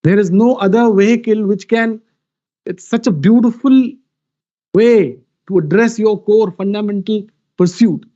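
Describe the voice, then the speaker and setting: A man's voice: high voice, a little slow, mellow, highs cut off. A man with an Indian English accent gives a spiritual lecture on yoga to a live audience. He mixes Hindi and English and keeps asking the listeners questions.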